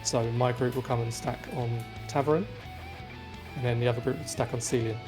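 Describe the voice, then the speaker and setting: Soft game music plays quietly behind a male raid leader who patiently explains raid positions step by step over group voice chat. He speaks fairly quickly at a middle pitch, keeping his intonation fairly even.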